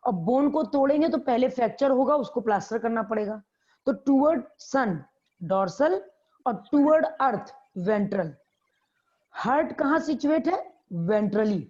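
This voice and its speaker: A woman's voice: a little high, lively intonation, measured pace, darkish tone. Woman biology teacher with a dull lo-fi sound. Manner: repeats key terms and quizzes students. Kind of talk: classroom lecture. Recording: dull lo-fi classroom recording.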